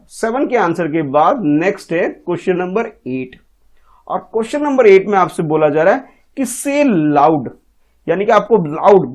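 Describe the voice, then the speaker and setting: A man's voice: fairly high pitch, darkish tone. Male teacher for young children, patient, keeps checking they follow. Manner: patient, repeats "ठीक है?" often. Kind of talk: explaining an English textbook lesson to children.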